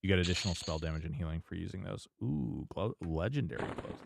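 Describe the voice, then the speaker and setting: A low-voiced man streams a game and chats about his character in a loose, rambling way, full of fillers and self-corrections. A faint hiss sits under his voice. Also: expressive, fast, gravelly. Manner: rambling, many fillers and restarts. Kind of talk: casual gameplay commentary.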